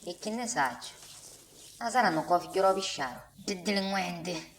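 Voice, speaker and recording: A woman's voice: on the low side, expressive, moderate pace, slight background noise. A woman playing a hot-tempered, complaining wife and mother in a comic dub, speaking broad Sicilian dialect from Catania. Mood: exasperated.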